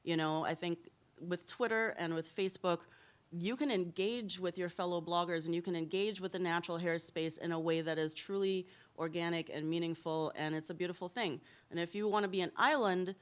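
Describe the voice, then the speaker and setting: A woman's voice: on the low side, fairly even intonation, fairly quick. A woman in her thirties from Trinidad and Tobago, a hair blogger answering interview questions in a candid storytelling way at a symposium.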